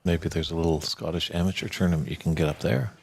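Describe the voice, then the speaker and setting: A man commentating on a snooker match in a measured, analytical way and interviewing his co-commentator. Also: sits low, vocal fry, a little mellow, husky.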